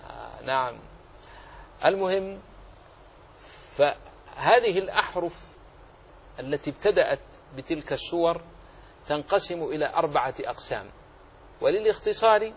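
A man teaching the rules of Quran recitation in a religious lesson, speaking haltingly, with drawn-out pauses and repeated words, and spelling out single letters one by one. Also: medium pitch, a little hiss or hum.

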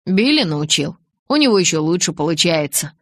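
Picture a teenage boy from a storybook, half teasing and half hurt, who leans in and won't let a question drop, as a woman narrator voices him. He talks with a low, steady voice and a louder push than the surrounding narration. It is a dry, close recording with no room around it. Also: brisk, dry recording. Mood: earnest. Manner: pleading, then moping and pressing.

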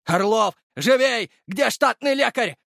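A man voicing a panicking male police officer who shouts frantically in an audiobook. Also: medium pitch, expressive, moderate pace, no echo, lightly acted. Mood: panicked shouting.

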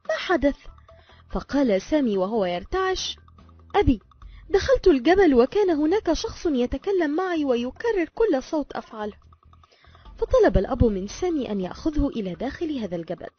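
Husky-voiced woman telling a story. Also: fairly high pitch. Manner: expressive, animated storytelling. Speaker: narrator. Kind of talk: motivational storytelling. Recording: lo-fi with faint background music.

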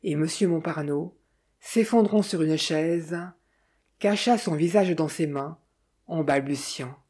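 Low, husky woman narrating. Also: unhurried, dark tone. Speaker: audiobook narrator. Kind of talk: scripted narration of a detective novel.

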